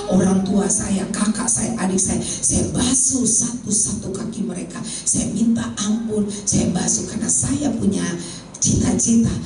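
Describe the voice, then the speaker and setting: A middle-aged woman giving a lively sermon testimony in a church hall, joking with the congregation, her voice leaping up when excited. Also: medium pitch. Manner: animated, jokes with the congregation, voice leaps up in excitement. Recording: very echoey hall, heard from far off.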